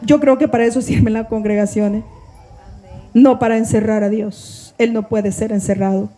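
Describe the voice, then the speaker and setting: A woman's voice: fairly high pitch, steady tone, moderate pace, mellow, rough recording. A middle-aged woman preaching a sermon and leading prayer, fervent and speaking straight to her congregation. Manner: fervent, addresses congregation directly, mimics people mid-story.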